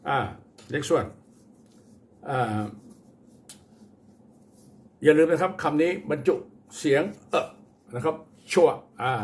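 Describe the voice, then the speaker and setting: Slow-spoken Thai-accented male English teacher. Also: a little high. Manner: slow, deliberate English with quick switches to Thai explanations; spells words letter by letter, hesitant fillers. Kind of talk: bilingual pronunciation lesson.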